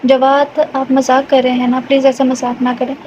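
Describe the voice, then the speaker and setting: A woman's voice: high voice, completely flat delivery, a little mellow, lightly acted. A woman voicing a heartbroken young bride who pleads in a trembling voice in a storybook reading. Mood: pleading. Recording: dull lo-fi with faint hiss.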